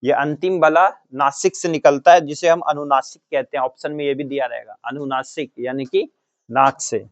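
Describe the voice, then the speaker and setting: Speaking at a moderate pace with a steady tone and a slightly high pitch, this Bihari teacher runs a grammar lesson in a coaching classroom. He keeps drilling the class with the same question, then gives the answer himself.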